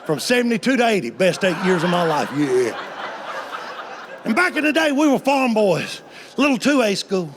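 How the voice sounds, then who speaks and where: A man's voice: sits high, very animated, moderate pace, slight background noise. A man, telling folksy stand-up stories with playful punchlines. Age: 50s. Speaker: stand-up comedian. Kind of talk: stand-up comedy storytelling.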